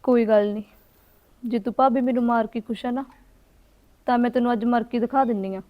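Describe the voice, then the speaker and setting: A woman's voice: on the high side, steady tone, a little fast, highs cut off, close to an everyday voice. A woman acting a mistreated young widow who answers her brother and sister-in-law meekly, then in despair. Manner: meek, pleading, desperate. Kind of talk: amateur village short-film acting.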